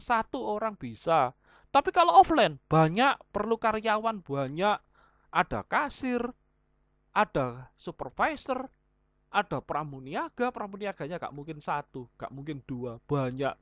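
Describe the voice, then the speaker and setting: A woman teacher explains her online class point by point and ties each idea to everyday examples. Her pitch rises and falls a lot as she talks. The recording is dry and slightly dull, with no room sound. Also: sing-song, normal speed, no echo. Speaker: vocational school teacher.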